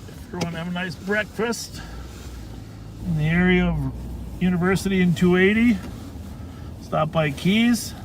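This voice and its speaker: A man's voice: sits high, unhurried, pauses often. An American man, a law enforcement officer, chatting casually while he drives, heard as dashcam audio. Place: inside a moving patrol car. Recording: loud vehicle noise, mic at a distance.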